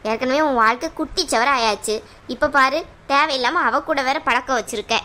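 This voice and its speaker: A woman voicing a stubborn, hot-tempered younger sister in a cartoon, sharp and argumentative. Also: sits high, normal speed. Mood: defiant. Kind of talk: cartoon voice acting.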